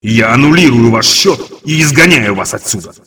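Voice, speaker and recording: A man voicing a menacing male demon creditor with an echoing demonic voice effect, loud, slow and commanding. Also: mid-range voice, lively intonation. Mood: furious. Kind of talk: audiobook reading.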